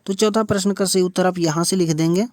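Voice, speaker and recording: Man explaining a textbook lesson in a flat voice. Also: high voice, quick pace, no echo, studio quality. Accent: Bihari Hindi. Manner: reads each line aloud, then explains it. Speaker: teacher.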